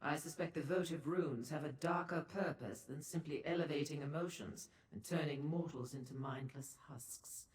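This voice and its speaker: A woman plays a seductive Daedra merchant, a worldly, condescending information broker and shopkeeper, in video game dialogue. Her low, slightly mellow voice, drenched in hall-like echo, moves at normal speed with few pauses, lightly acted yet theatrical, coy and purring, with ornate formal phrasing. The mood is wry and informative.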